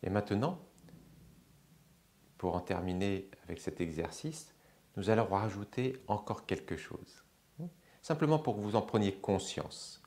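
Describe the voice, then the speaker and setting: Low gravelly guy talking you through slow yoga breathing, calm and unhurried. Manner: slow, calm, measured guidance with long pauses. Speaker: yoga instructor. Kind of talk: guided breathing exercise.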